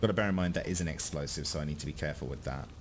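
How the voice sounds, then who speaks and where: A man's voice: a bass voice, very fast, background noise. A man giving casual strategy game commentary, thinking aloud with dry asides as he plays. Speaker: gamer, video host.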